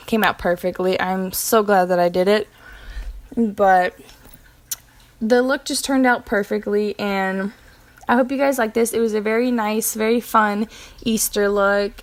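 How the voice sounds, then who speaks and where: A young woman talks through her makeup routine like she is chatting with a friend. She is casual and informal, slips in fillers, and corrects herself now and then. She has the hiccups, and her voice sits at an ordinary middle pitch. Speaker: beauty vlogger. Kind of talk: casual makeup tutorial narration.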